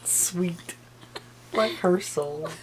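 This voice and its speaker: A man's voice: sits high, drawn-out words, slight background noise, low-quality recording. A man chatting casually with his girlfriend on her vlog and cracking dry jokes. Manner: joking, dry. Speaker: vlogger's boyfriend. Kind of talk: casual chat.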